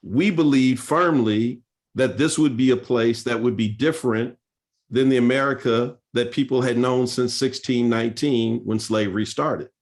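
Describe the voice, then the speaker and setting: A man's voice: mid-range voice, moderate pace. A male pastor speaking at a seminar, telling church history in an earnest, storytelling way with frequent fillers and restarts.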